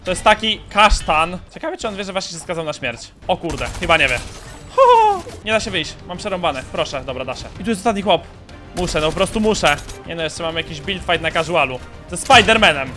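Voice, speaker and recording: A young man giving excited, teasing commentary while playing a game, often shouting at other players. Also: a little high, fast talker. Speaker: gaming YouTuber. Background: background music.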